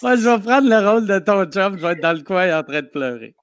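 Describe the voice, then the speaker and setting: A man's voice: sits high, lively intonation, fairly quick, clean tone, dry recording. A man with a Québécois French accent co-hosting a call-in podcast in a studio, joking and laughing often. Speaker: podcast co-host. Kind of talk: casual call-in chat. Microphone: studio mic.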